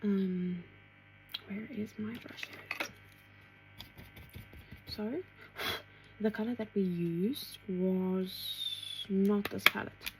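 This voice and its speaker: Woman, beauty vlogger, gravelly voice, casual makeup chat, soft asides to herself. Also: mid-range voice, fairly even intonation, drawn-out words, pauses often, heavy background noise. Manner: chatty, talking to herself while applying makeup, drops to soft asides.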